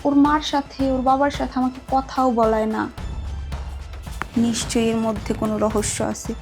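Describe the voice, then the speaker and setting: An actress playing a suspicious, hot-tempered young wife who demands and scolds in a TV family drama. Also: female voice, on the high side, steady tone, moderate pace, darkish tone, soft background music, close to an everyday voice. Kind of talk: Bangla TV drama acting.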